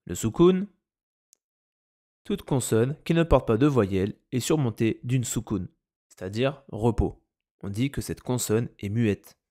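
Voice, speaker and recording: Man, language teacher, slow, deliberate, repeats examples, mid-pitched voice. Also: animated, mellow. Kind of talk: explaining Arabic grammar in French.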